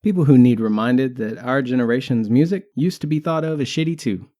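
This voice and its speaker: A man's voice: medium pitch, fairly quick, warm tone. A man in his thirties co-hosting a podcast, chatting casually and teasing with frequent laughs. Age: 30s. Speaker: podcast co-host.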